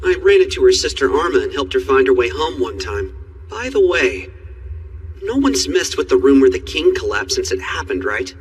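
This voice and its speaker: A man's voice: mid-range voice, very animated, normal speed, breathy edge, recorded from a distance, low-quality recording. A man voicing a polite, playful teenage amateur sleuth who shows off his deductions in an English anime dub. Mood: easygoing confidence.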